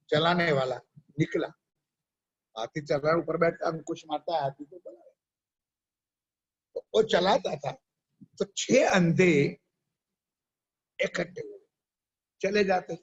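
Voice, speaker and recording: A man's voice: a little high, animated, slow pace, pauses often, husky, highs cut off. A man preaching a sermon. He tells a parable and keeps stopping to quiz his listeners. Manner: questions the audience often. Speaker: religious preacher.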